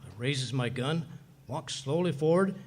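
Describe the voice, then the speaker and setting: With a medium pitch and measured pace, a man voices a bumbling, boastful middle-aged husband in a 1940s-style radio comedy, staged live at a hotel venue. He tells folksy tall tales in a blustering, excitable way, full of boastful storytelling.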